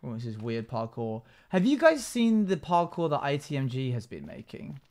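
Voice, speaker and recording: A man in his twenties, a live streamer, gives casual, chatty commentary on a game stream from a small room indoors at home. His voice is medium-pitched and darkish in tone, very animated, at a moderate pace. He reads chat messages aloud and answers them.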